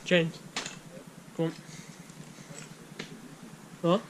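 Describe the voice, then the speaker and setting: A teenage boy talks loosely through an abandoned building, peppering his speech with "like" and "guys". His voice sits fairly high but barely moves in pitch. Loud noise from the camera and the site runs under him. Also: level tone, extremely slow. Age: teens. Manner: loose, filler-heavy commentary with many "like" and "guys". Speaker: urban explorer vlogger. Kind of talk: casual walkthrough narration. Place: abandoned building, indoors and outdoors.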